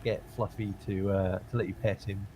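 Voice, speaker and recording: A man running a tabletop game as dungeon master, describing the scene haltingly with many ums and uhs. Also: low-pitched, little pitch movement, warm tone, a little hiss or hum.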